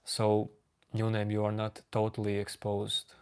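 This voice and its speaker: Calm flat-voiced man with a Latvian accent. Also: fairly low pitch, clear, resonant tone. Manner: slow, calm, reading out chat names. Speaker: livestream host. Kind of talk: casual chat with live chat readers.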